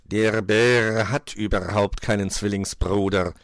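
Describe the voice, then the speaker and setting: A man voicing a sceptical male raven who asks probing questions and croaks between his words. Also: on the low side, fairly even intonation, a little slow, dry recording, natural voice. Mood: dry. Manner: suspicious, probing, croaking "kra".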